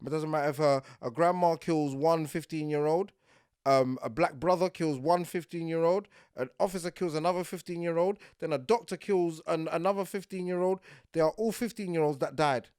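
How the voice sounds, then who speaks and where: A man hosting a podcast, talking in an animated, insistent monologue and often checking that the listener follows him. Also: fairly high pitch, fairly quick, smooth, dry recording, studio quality. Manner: animated and insistent, keeps asking "do you get what I'm saying". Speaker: podcast host.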